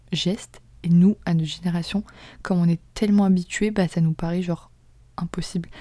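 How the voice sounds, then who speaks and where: A young adult podcast host whose first language is French gives a casual confessional monologue, chatty and slangy, often slipping into soft whispered asides. Her voice is lowish, with no echo.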